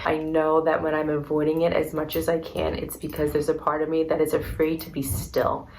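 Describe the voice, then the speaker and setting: A young woman talking earnestly and softly in a personal vlog, repeating her words as she goes. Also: sits low, monotone, fairly quick, slight background noise, low-quality recording. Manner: soft, earnest and repetitive, gets emotional. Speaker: vlogger. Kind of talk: heartfelt personal vlog talk.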